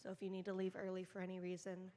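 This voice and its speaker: A woman's voice: lowish voice, monotone, quick pace, warm tone. Ministry leader type, woman briefing volunteers in a conversational way, with a long hall echo. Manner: informal and conversational, addressing a group. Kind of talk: leading a volunteer training session. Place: church meeting room.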